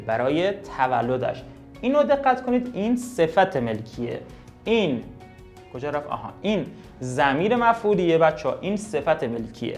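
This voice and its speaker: A man with a slightly high, slightly mellow voice teaches English vocabulary and grammar, explaining emphatically and addressing his students directly. He drills words and slows down when reading sentences aloud.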